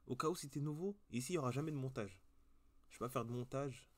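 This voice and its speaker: A man's voice: mid-range voice, fast talker. A young man hosting a reaction video, chatting casually to his viewers in slang and swearing freely into a cheap webcam mic.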